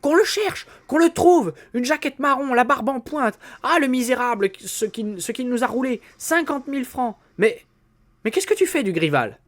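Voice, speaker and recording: Shrieking panicked wife. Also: male voice, animated, fast talker, hardly any pauses, pushed and bright. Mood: hysterical. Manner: shrill, frantic screaming.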